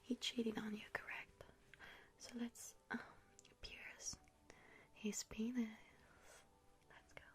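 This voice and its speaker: A young woman ASMR creator whispers a role-play as a gleeful young witch casting hexes, playfully sinister, giggly, and chatty. Her voice is on the high side with a flat delivery, and she speaks slowly with frequent pauses.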